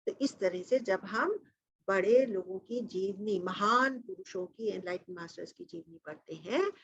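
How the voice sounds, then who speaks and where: A woman spiritual teacher leading an online satsang over a video call, mixing Hindi with English and slowly chanting a mantra between her explanations. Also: mid-range voice, dull audio, a little hiss or hum.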